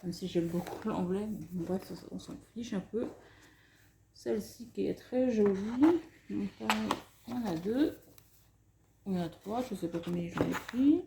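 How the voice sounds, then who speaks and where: A woman's voice: medium pitch, expressive, normal speed, vocal fry. A woman casually chatting through a craft supply haul, showing items one by one and correcting herself as she goes. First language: French. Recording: echoey room with faint noise.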